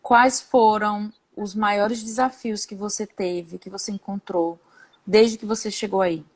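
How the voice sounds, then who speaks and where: A woman from Brazil chatting casually as a guest, telling animated stories and laughing as she goes. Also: medium pitch, measured pace. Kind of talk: casual video-call chat.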